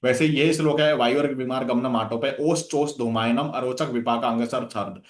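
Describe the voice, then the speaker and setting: A man's voice: mid-range voice, steady tone, moderate pace, reverberant. A man giving a revision lecture for an exam, listing terms with memory tricks and checking in with "theek hai" again and again. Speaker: exam coaching teacher.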